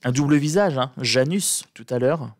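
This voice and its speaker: Male tarot reader for casual political commentary: soft morning voice, medium pitch, dry close sound, halting delivery with emphatic repeats. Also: no room sound. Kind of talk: casual spoken commentary during a card reading.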